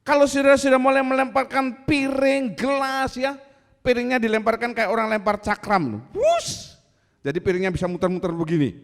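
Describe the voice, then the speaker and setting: Lively pastor preaching in an echoing hall. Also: male voice, extremely high pitch, fairly quick, gravelly. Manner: animated, teasing, acts out angry voices. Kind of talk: sermon. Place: church.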